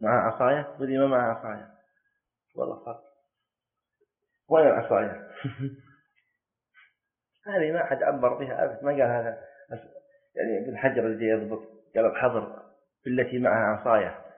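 A man's voice: mid-range voice, a little fast, pauses often. A man teaching a classroom lesson, explaining step by step, quizzing his students and repeating key words for emphasis. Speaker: teacher of Islamic jurisprudence. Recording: tinny lo-fi lesson recording.

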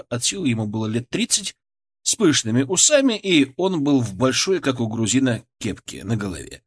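A man narrating a first-person story, reading it as an audiobook with lively, varied intonation. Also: mid-range voice.

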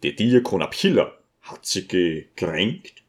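A man voicing a smooth, scheming male visitor who talks in a coaxing, ingratiating way. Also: deep voice, sing-song, slow pace, pitched below the performer's own voice, exaggerated voice.

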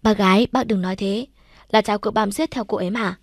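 Reassuring young boyfriend, calm, voiced by a woman reader, dry close. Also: mid-range voice, brisk, no echo, close to an everyday voice. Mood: concerned.

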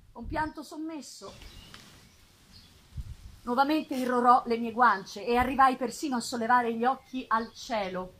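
Woman reading as Frankenstein's lonely, high-voiced monster. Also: close to an everyday voice. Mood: tearful gratitude. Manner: theatrical, intense, with deliberate pauses and swells. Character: Frankenstein's creature, lonely, wounded, embittered male monster. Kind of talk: dramatic literary reading of a gothic novel. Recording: live festival reading with clear noise.

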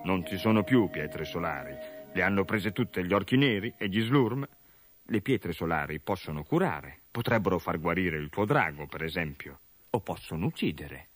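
A man voicing a grave male orc village doctor and wizard who speaks in a low, sober, warning way, in a storybook reading. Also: expressive, moderate pace, faint music behind.

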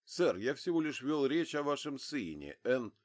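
A man doing a calm, firm negotiator. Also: mid-range voice, normal speed, voice pushed up. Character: calm male official, steady negotiator.

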